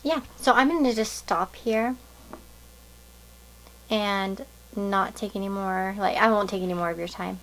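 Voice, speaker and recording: A woman's voice: medium pitch, unhurried, a bit bright, low-quality recording. A woman giving a casual pick-a-card tarot reading to viewers, musing and thinking aloud in a meandering way.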